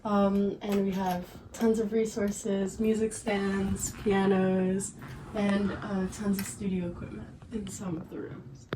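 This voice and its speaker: A woman's voice: mid-range voice, level tone, slow pace. A young adult woman informally explaining a facility. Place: music practice room. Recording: distant mic, faint noise.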